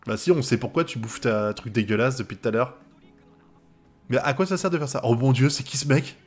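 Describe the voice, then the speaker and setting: A man's voice: mid-range voice, brisk, faint music behind. A man from France giving live reaction commentary on an anime episode, swearing often and breaking into laughter.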